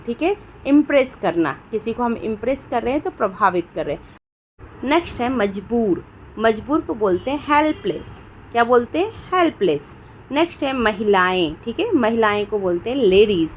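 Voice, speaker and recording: A woman's voice: a little high, very animated, moderate pace, a little hiss or hum. A woman with an Indian accent teaching English words, who keeps checking in with her listeners and asks each question before she answers it. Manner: repeats "theek hai doston" often and asks questions before giving answers. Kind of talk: spoken vocabulary lesson.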